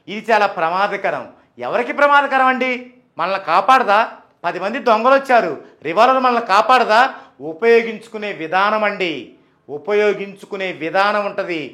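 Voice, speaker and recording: Man, very high voice, explaining name sounds, repeats names slowly, asks and answers himself. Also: bright, forceful tone. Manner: poses and answers his own questions. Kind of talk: explanatory talk.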